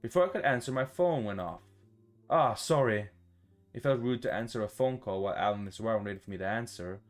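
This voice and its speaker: Faint music sits behind this man as he reads a visual novel aloud for a gaming video. His voice is lowish and fairly quick, and he's casual, animated and profane, adding playful reactions.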